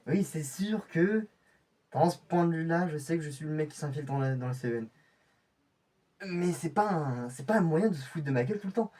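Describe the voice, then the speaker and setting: A man's voice: on the high side, animated, moderate pace, dark tone, far from the mic. A man playing a stammering young infiltrator. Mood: irritated. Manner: stammering, restarting sentences. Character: young male infiltrator preparing a covert mission. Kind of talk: amateur web drama acting.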